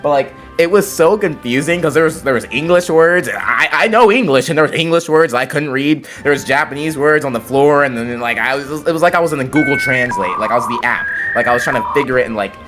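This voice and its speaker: Rambling, excitable man vlogging. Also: mid-range voice, fairly quick, few pauses, music in the background. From California, USA. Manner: rambling, excitable, laughs often. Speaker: travel vlogger. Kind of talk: casual vlog narration.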